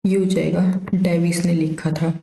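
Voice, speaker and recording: Low-voiced woman teaching with an echo. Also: level tone, normal speed, creaky, warm tone. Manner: casual explanatory, repeats answers with memory tricks. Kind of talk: exam revision lesson.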